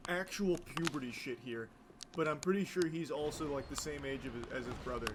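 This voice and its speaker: A man's voice: on the high side, brisk, background noise. A man casually commentating on a video clip in a chatty, mocking, profane way.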